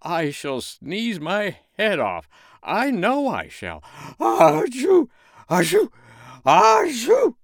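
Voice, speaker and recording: A man voicing a cheerful, bossy snowman with a cold, in a raised voice with drawn-out words and loud sneezing fits. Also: a little high, wildly swooping pitch, no echo, voice pushed up, full character voice. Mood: complaining.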